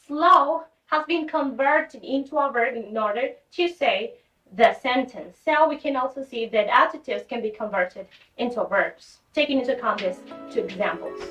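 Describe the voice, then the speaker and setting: A woman teacher with a high, bright voice explains grammar patiently and reads each example sentence aloud. She sits a good way from the mic in an echoey room. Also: distant mic.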